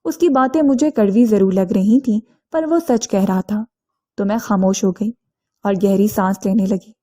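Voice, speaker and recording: Mellow-voiced woman telling a story. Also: mid-range voice. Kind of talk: scripted first-person narration.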